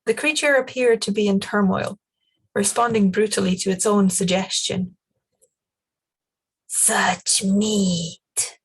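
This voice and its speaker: A woman reading a novel aloud in a calm, measured way. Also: mid-range voice, breathy edge. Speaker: storyteller.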